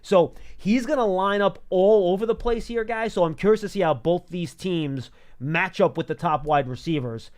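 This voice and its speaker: A male sports show host talks through football analysis conversationally. His voice sits a little higher than average for a man, with an ordinary, unforced tone. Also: moderate pace, darkish tone.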